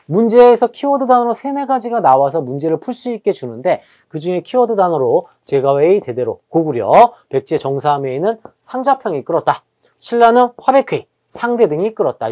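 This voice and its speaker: A history lecturer giving an exam-prep lecture, chatty and lively, repeating key terms for emphasis. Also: mid-range voice.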